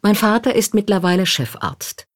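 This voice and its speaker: A woman reading a first-person memoir aloud in a calm, reflective manner. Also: medium pitch, normal speed, no echo, studio quality. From Poland. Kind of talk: scripted literary narration.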